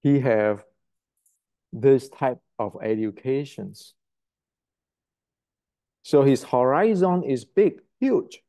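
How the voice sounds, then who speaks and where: Slow, mellow older man. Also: medium pitch. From Indonesia. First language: Indonesian. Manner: blunt and emphatic, repeats words while searching. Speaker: martial arts teacher. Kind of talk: lecture to camera.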